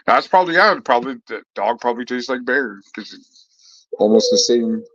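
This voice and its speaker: A man's voice: medium pitch, animated, moderate pace, a bit bright, no echo, dull audio. A man chatting casually on a live stream, answering viewers in a laid-back, slangy way, swearing freely and laughing often as he tells stories.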